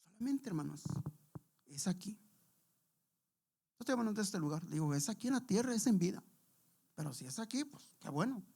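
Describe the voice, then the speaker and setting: A man preaching a sermon in church, telling a testimony and leading prayer, calling out to the brethren constantly while his loudness swells and drops. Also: high voice. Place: church sanctuary.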